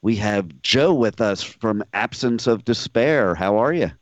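Radio host, man, mid-pitched and resonant, chatting casually, dry and slightly lo-fi. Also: lively intonation, unhurried, dry recording. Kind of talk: casual music interview.

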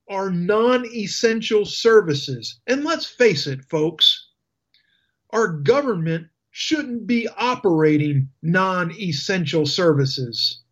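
A man's voice: high-pitched, fairly bright tone. A male talk radio host delivering an indignant, sarcastic political rant. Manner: indignant, emphatic ranting with sarcasm.

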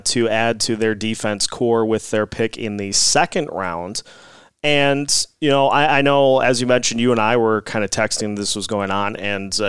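Male podcast host; smooth clear voice, dry close mic, easygoing interviewer. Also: medium pitch, a bit bright, no echo.

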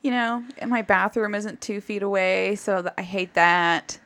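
A woman in her thirties hosting a podcast in casual chat, candid and relaxed, swearing now and then and laughing easily. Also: medium pitch, a little slow. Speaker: podcast host.

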